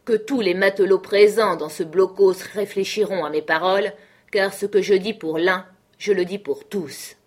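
This is a bullying old pirate cook in an audiobook, as a woman reader puts him on. He blusters and hurls threats at full volume. The voice sits low and husky. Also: unhurried. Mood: bargaining. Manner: loud, blustering, swearing threats.

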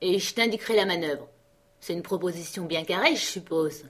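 A woman reading the part of a wounded, surly old pirate sailor in an audiobook, in a gruff, grumbling manner. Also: on the low side, fairly quick, a bit bright. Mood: scheming.

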